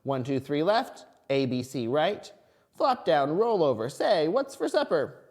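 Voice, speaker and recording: A man voicing loud, eager, goofy storybook penguins chanting sing-song cheers, as if reading to a toddler. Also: mid-range voice, animated, normal speed, background noise, natural voice. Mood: loud cheering.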